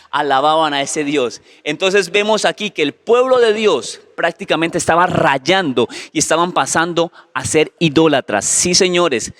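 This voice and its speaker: Male pastor, high pitch, emphatic live sermon delivery, speaks straight to the congregation. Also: fairly bright tone. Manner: emphatic, repeats "sí, señores", addresses congregation directly. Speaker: preacher.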